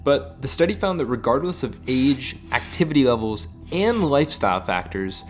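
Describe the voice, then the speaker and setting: A man hosts a casual vlog over music. His pitch sits in the middle range, and he talks in an informal, enthusiastic manner with plenty of slang. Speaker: host. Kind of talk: casual vlog presenting and narration.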